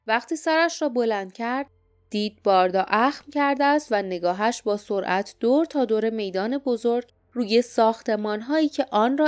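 A woman narrating an audiobook in a calm, even storytelling manner on a close microphone. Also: medium pitch, dry recording. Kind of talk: scripted narration.

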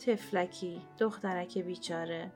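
A woman voicing a gentle rule-bound nun. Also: high voice, animated, faint music behind. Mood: pitying. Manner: gentle, then cold and official.

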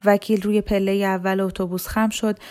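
Woman narrating a novel in steady tones. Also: mid-range voice. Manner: steady, measured reading. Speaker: storyteller.

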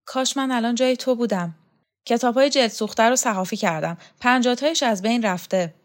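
A woman voicing a soft-spoken, bookish young man in an audiobook. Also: a little high, voice pushed up, natural voice. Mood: calm.

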